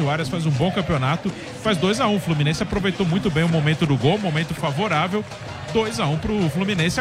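A Brazilian man giving conversational football match analysis, repeating phrases as he makes his points. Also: high voice. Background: music.

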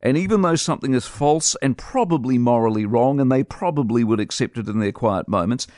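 A man delivers opinionated radio commentary in a blunt, scornful way. His voice sits at an ordinary middle pitch and sounds close and dry, with no room sound. He talks like a seasoned host laying down his view. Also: expressive, a little fast, a little mellow, no echo. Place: radio studio.

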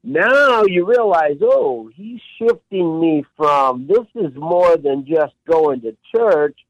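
A man's voice: a little high, animated, takes it slowly, no echo, dull audio. A man who is a professional coach, teaching as a guest on a radio interview, speaking with emphasis and repeating his key words.

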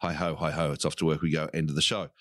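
Deep-voiced man telling a story. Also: racing, no echo. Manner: animated storyteller, bursts into laughing shouts. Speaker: podcast co-host. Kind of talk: casual storytelling chat.

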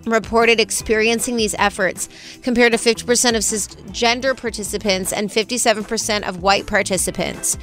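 A woman co-hosting a morning show, excitable in chat and steady when reading the news. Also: mid-range voice. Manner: excitable, dramatic. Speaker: co-host.

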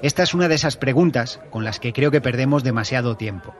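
A man hosting a podcast, answering listener questions in a measured, explanatory way as an audio drama director. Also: medium pitch.

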